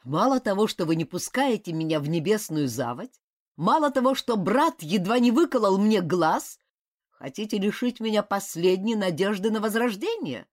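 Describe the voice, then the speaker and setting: A woman's voice: medium pitch, expressive, normal speed, darkish tone, no room sound, studio quality, natural voice. A woman reading the lines of a cunning, scheming male former god in an audiobook.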